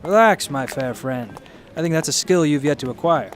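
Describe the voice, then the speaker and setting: A man's voice: on the high side, animated, moderate pace, a little hiss or hum, close to an everyday voice. Man as nonchalant, smug Invisible Man. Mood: smug, breezy. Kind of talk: radio drama acting.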